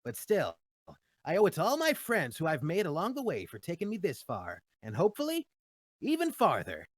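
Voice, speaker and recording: A man's voice: high voice, wildly swooping pitch, normal speed, no echo, exaggerated voice. A man voicing a cocky, upbeat hero hedgehog, breezy and quippy, in a fan Q&A. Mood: proud, nostalgic. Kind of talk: in-character fan Q&A.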